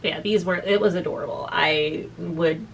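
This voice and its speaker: A woman in her thirties with a slightly low voice chats casually about books over noticeable background noise. She rambles in a slangy, giggly way and sometimes loses her thread. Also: steady tone, normal speed, gravelly, far from the mic. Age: 30s. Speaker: book review co-host. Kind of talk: casual book review chat.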